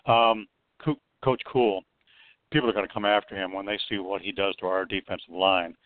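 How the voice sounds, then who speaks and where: Low-voiced man calling in over the phone. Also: fairly even intonation, dry recording. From Florida. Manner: chatty, rambling fan, piles on quick points. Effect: heard over the phone. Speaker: radio call-in caller. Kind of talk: casual call-in chat. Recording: tinny phone line, dry.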